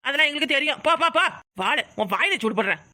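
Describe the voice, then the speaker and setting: Woman playing a hot-tempered shouting village mother. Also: high voice, lively intonation, very fast, dry recording, studio quality, full character voice. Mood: quarreling. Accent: Kanyakumari Tamil. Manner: shouting, scolding. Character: loud, hot-tempered village mother defending her son. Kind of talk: cartoon voice acting.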